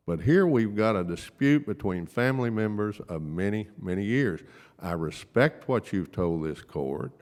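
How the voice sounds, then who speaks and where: A man's voice: lowish voice, darkish tone. A man speaking as a county official at a public meeting, firm, emphatic and legalistic, repeating his points. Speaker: county official, attorney for the court. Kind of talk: formal remarks at a public meeting. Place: large public meeting room. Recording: echoey meeting hall.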